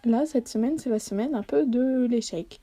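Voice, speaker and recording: A woman's voice: a little high, moderate pace, mellow, faint music behind. A woman vlogger talking casually over a study-with-me video, self-deprecating and hesitant, with many fillers.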